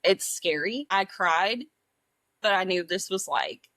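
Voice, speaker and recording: A woman's voice: mid-range voice, takes it slowly, sharp tone, no echo. A young woman co-hosting a podcast in casual, chatty talk, giggling often and using lots of filler words. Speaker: podcast co-host. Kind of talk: casual chat.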